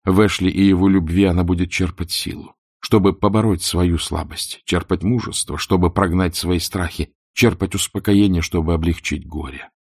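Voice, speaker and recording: A man narrating an audiobook in a measured, expressive way, with a husky, gravelly voice. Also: low-pitched, dry recording, studio quality.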